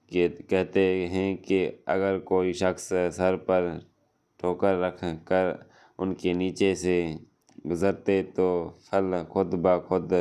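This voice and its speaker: A man telling a religious story in a measured and solemn way. His voice sits very low and stays level, with little movement. It sounds smooth and clear. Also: a little mellow. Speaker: narrator.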